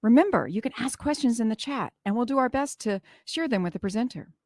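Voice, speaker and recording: A woman's voice: fairly high pitch, animated, fast, a little mellow, no echo, studio quality. Woman reading a museum welcome. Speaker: museum event host. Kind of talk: scripted welcome announcement.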